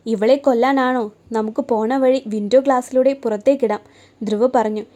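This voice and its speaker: Soft-spoken woman narrating a romance. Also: on the high side, steady tone, moderate pace. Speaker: storyteller. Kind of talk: scripted narration of a romance story.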